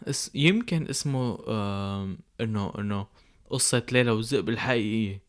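A man's voice: on the low side, fairly quick. A young man with a Syrian Arabic accent, chatting casually as a podcast co-host. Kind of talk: casual chat.

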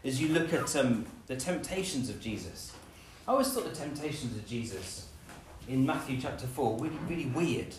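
Man, preacher, animated sermon, roomy echoey hall, off-mic. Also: mid-range voice, moderate pace, few pauses, slight background noise. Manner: animated, acts out scenes in playful voices. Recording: echoey room, from a distance.

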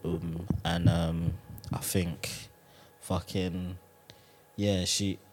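A man's voice: low-pitched, level tone, drawn-out words, a little mellow, slight background noise. A young man with a London roadman accent telling stories in casual, slangy street talk full of tags like bruv and innit. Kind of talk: casual chat, storytelling.

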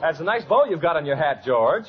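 An actor playing a jovial, wisecracking sidekick in an old radio comedy, with a teasing manner. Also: male voice, on the high side, sing-song, fairly quick. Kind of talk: 1940s radio comedy acting. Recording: muffled noisy radio, loud audience laughter.

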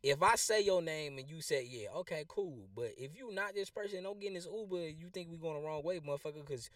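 Animated St. man, mic set back. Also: a little high, a little fast, no echo, studio quality, far from the mic. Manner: profane, animated storytelling. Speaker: rideshare driver. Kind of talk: casual chat.

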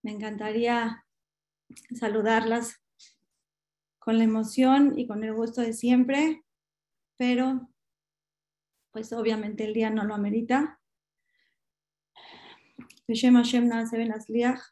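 A woman giving an emotional storytelling talk to women, heartfelt and halting, with frequent restarts. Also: fairly high pitch, little pitch movement, dark tone. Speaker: speaker to a women's audience.

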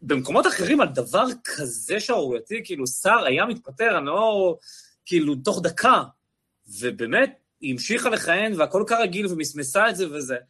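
A man's voice: sits high, sing-song, pushed and bright, slightly rough. A man speaking as a journalist on a panel, telling stories animatedly with many fillers. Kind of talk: panel discussion.

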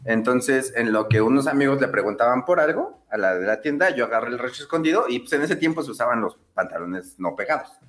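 A man with a Mexican accent, a guest telling candid stories in a relaxed, casual way. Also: mid-range voice, fast talker, few pauses. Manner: relaxed, candid, many fillers. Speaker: podcast guest. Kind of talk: casual storytelling.

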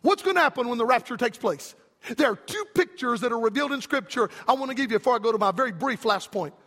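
A man preaching a fiery revival sermon in an emphatic, rhythmic cadence that climbs to shouts. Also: extremely high pitch, animated, fast, in a large hall.

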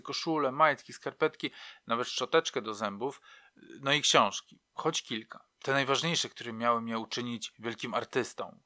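A man's voice: mid-range voice, sharp tone, dry recording, studio quality. A man reading a novel aloud in a reflective, wry storytelling manner. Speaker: narrator. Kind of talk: audiobook narration.

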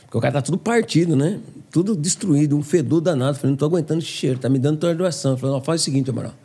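A fast-talking man, his voice a little higher than most and quite dark in tone. He tells stories casually as a podcast guest and acts out every line of dialogue. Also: breathy edge. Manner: animated, acts out quoted dialogue. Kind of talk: casual storytelling.

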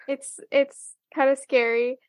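A woman's voice: high voice, level tone, slow pace, no echo. A woman co-hosting a podcast, recapping an episode casually and hesitantly, with many fillers. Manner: hesitant, full of "um" and "like". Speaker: podcast co-host.

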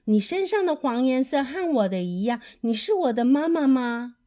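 A woman's voice: high-pitched, takes it slowly, darkish tone, voice pushed up. A woman voicing a lonely little female bird in a children's storybook, calling out in a pleading, childlike way.

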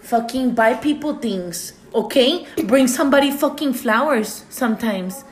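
A woman co-hosts a casual podcast, crude and loud as she jokes with her friend. Her voice sits a little high. The room around her is echoey. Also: animated, unhurried. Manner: crude, loud and joking, mixes in Spanish. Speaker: podcast co-host. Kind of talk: casual drinking-game chat.

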